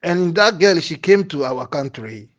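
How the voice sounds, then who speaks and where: A man speaking in a recorded voice message, slow and preachy, repeating his points. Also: fairly high pitch, lively intonation, highs cut off. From Ghana. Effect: recorded voice message played back. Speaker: caller sending a voice note.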